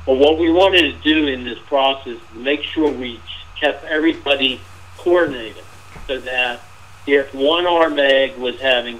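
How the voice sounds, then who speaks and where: Hoarse-voiced man presenting a webinar. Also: mid-range voice, a bit bright, low-quality recording. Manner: informal, repeats himself with fillers. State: losing his voice. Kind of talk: explaining slides in a webinar.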